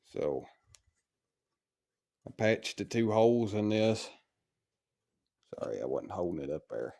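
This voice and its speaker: Restoring an old engine in a chilly, stove-heated workshop, a plain-spoken man chats casually while he works. His voice is fairly low and dark in tone, stuffy from a cold.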